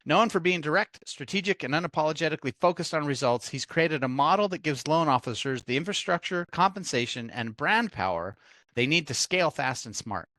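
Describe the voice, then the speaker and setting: A man hosting a business podcast, introducing his guest and asking questions in an upbeat, animated way. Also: fairly high pitch, fairly quick, no echo. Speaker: podcast host. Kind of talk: interview hosting.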